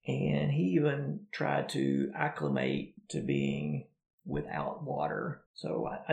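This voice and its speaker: A podcast co-host talks through a story in a relaxed, conversational way during casual chat. His voice is heavily gravelly with lots of vocal fry, his pitch moving about a great deal, and the sound carries noticeable room echo.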